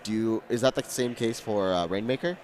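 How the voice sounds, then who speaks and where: A man doing live esports commentary as a playful, excitable co-caster. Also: on the low side, brisk, slight background noise.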